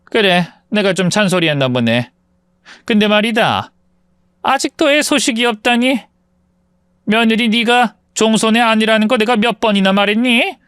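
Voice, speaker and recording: A man voicing a nagging, pushy older mother-in-law who scolds in a shrill, meddling way. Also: normal speed, a bit bright, clear, resonant tone, no room sound, studio quality. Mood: scolding. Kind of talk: storybook voice acting.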